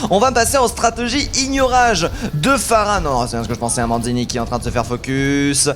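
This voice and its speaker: A man doing live esports commentary as a caster, with excitable, exclaiming play-by-play. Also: a little high, a little fast, soft background music.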